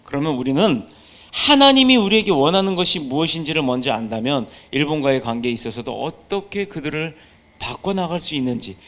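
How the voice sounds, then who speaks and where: A man delivers a sermon as pastor, with a voice pitched high for a man. He speaks with emphasis and keeps putting rhetorical questions to his congregation. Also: fairly bright tone.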